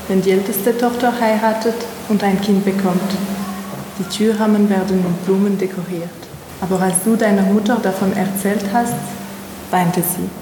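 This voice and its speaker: A woman author reading a prose text aloud in a calm, even narration at a live event. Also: mid-range voice. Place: museum event space. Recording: echoey hall with background noise.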